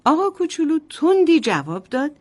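A woman's voice: high voice, sing-song, a little mellow. A woman storyteller narrating a bedtime story to children in a sing-song voice, often addressing them directly.

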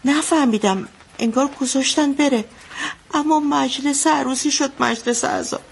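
Her voice sits high and creaky as she performs an anxious mother in a radio play, describing a bloody wedding in vivid detail. The lines she quotes come out as shouts.

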